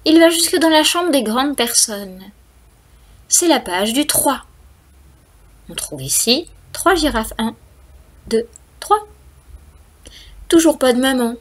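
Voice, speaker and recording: Lively, slow-paced woman storyteller. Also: high voice. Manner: animated, addresses the children directly, counts aloud slowly. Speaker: children's storyteller. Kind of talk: reading a picture book aloud to young children.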